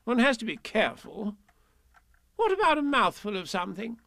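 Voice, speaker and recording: A small, fussy rabbit who fusses over being careful, speaking high up in the voice with prim little swoops, performed by a man. It is a storybook voice, recorded dry and close. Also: sing-song, moderate pace, creaky, a bit bright, no echo, full character voice. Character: fussy cautious male rabbit, small and nervous. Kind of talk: storybook reading.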